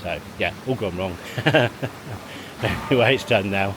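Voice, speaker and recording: Speaking in a low voice at a measured pace, a family vlogger rambles casually to camera and chuckles between remarks. The handheld footage moves from an outdoor car park to a leisure pool and is full of loud background noise.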